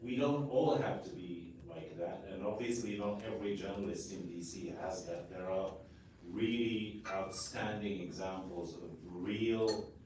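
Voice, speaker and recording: A man on a panel who speaks haltingly, with many repeats and fillers. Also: deep voice, distant mic, background noise. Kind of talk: panel discussion. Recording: echoey hall audio from afar.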